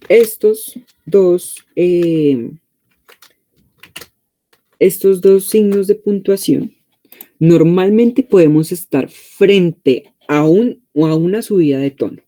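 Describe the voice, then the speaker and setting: Colombian male tutor, online class, dark mellow tone, chatty, keeps checking if students follow. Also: sits high. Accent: Colombian Spanish. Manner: conversational, frequent check-in questions. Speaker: teacher. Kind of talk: online exam-prep class.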